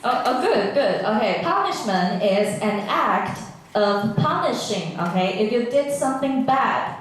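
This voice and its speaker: A woman's voice: on the high side, lively intonation, unhurried. A woman teaching an English class, patiently drilling words with repetition and questions. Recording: echoey classroom, from far off.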